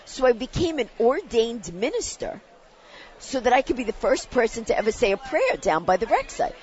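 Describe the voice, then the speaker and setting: Animated New York woman telling stories. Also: a little high, normal speed, breathy edge, lo-fi sound. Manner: lively, comic, theatrical. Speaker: guest.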